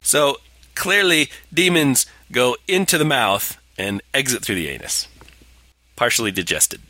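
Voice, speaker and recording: Male co-host, mocking and casual, forceful bright voice with lively swings, for profane movie banter. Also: mid-range voice, a little slow, no echo. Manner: sarcastic, mocking. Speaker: co-host of a comedic movie discussion show.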